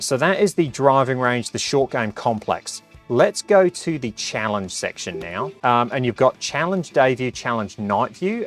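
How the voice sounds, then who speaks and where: Chatty male reviewer, slightly high voice, music behind. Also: fairly bright tone. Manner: chatty, reacts aloud while playing. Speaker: product reviewer. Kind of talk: casual hands-on review commentary.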